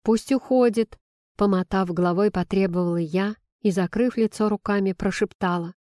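A woman narrating a novel in the first person, steady and even in her telling. Her voice is mellow and warm. The recording is dry and close. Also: medium pitch, fairly quick, no echo. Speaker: audiobook narrator.

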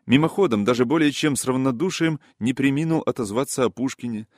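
A man narrating a literary audiobook in a measured, even reading manner. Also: medium pitch, no room sound, studio quality.

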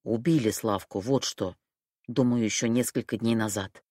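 A jittery young man with a short fuse, as a woman reader puts him on in a storybook reading, gruff and pitched low. He mutters and dodges, then bursts into shouting. The sound is close and dry. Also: moderate pace, dry recording. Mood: tense, grim. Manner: lowered voice, blurts, shouts when accused. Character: jittery scared young man, hot-tempered.

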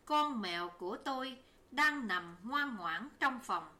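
A woman's voice: fairly high pitch, expressive, slow pace, pushed and bright, full character voice. A woman voicing a defiant, jealous concubine who scolds a servant indignantly in an audiobook. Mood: indignant scolding.

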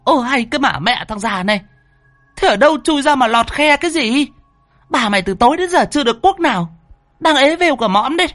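A man voicing a foul-mouthed young street woman who screeches insults in rapid bursts. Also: very high voice, lively intonation, a bit bright, no room sound, faint music behind, pitched above the performer's own voice. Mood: furious. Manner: screeching, cursing rapid-fire.

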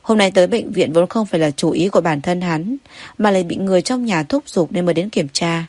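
Female audiobook narrator, low voice, dry close sound, even reading. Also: a little fast, no echo. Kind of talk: scripted story narration.

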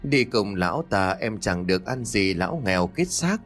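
A man's voice: fairly low pitch, very animated, moderate pace, a bit bright, faint music behind. A man reading as a bratty little girl. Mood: sulky. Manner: bratty, sulky, taunting. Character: mischievous, greedy little girl.

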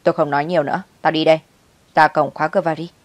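A woman doing a harsh mother snapping fast. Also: sits low, steady tone, darkish tone, dry recording. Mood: harsh, scolding. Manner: rapid, snapping, scolding. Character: harsh, scolding young mother.

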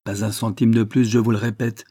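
A man's voice: mid-range voice, fairly quick, mellow, slightly rough, no room sound, studio quality, natural voice. A man voicing a proud, touchy young man who bitterly refuses help in an audiobook. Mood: impatient.

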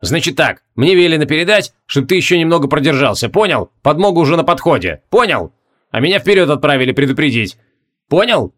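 A carefree, dim-witted young barbarian hero chatters away, repeating himself in a high, bouncy voice, as a man reading an audiobook puts him on. His pitch sits well above the reader's own and swings freely from line to line. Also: very animated, a little fast, a bit bright. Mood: cheerful rambling.

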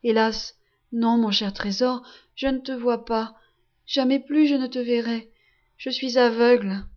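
A woman's voice: a little high, steady tone, unhurried, darkish tone, highs cut off, close to an everyday voice. A woman reading a blind, grieving old mother. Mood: sorrowful. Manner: sorrowful, tender.

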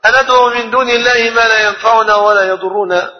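A man's voice: extremely high pitch, steady tone, fast. A man teaching a religious lecture, speaking emphatically and posing rhetorical questions to his listeners. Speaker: Quran teacher. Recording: long reverb, dull lo-fi sound.

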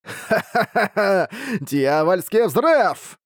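A man voicing a gloating monstrous male spider mage boss who shouts and cackles, in a dry recording. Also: sits high, sing-song, very slow, no echo, pitched above the performer's own voice, heavily acted.

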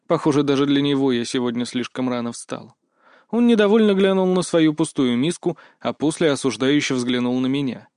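A man narrating a first-person audiobook with wry, even storytelling. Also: medium pitch, fairly quick, no echo, studio quality.

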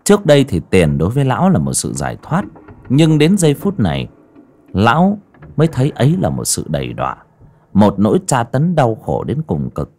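A man narrating a horror audiobook in a dramatic, expressive way. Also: mid-range voice, brisk. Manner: expressive, rising and falling with the drama.

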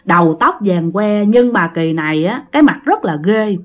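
A woman's voice: medium pitch, expressive, moderate pace. A woman with a Southern Vietnamese accent telling a ghost story in a chatty way, speaking directly to her listeners.

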